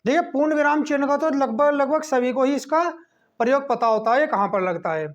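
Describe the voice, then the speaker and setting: A man teaching a class lesson, checking in with a quick "okay" between points as he explains. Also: extremely high pitch. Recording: dull lo-fi recording.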